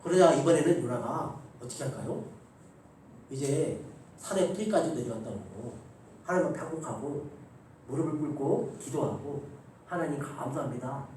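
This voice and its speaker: Animated preacher in an echoey church. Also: male voice, medium pitch, moderate pace, far from the mic, a little hiss or hum. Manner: animated, acts out the voices of the people in his stories; congregation joins in reading scripture aloud. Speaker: pastor. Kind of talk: Sunday afternoon sermon. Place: church sanctuary.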